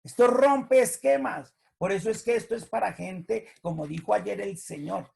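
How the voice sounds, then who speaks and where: Brief: preacher, animated storyteller, husky and gravelly. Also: male voice, high voice, normal speed. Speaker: pastor. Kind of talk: preached sermon.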